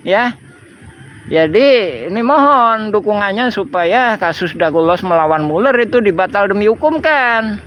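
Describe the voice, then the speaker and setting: A man makes a slow, earnest appeal as a community representative. He talks in halting bursts, filling gaps with small words. Faint road noise hums behind him outdoors. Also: high-pitched, a bit bright. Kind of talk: outdoor statement to camera. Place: outdoors by fields.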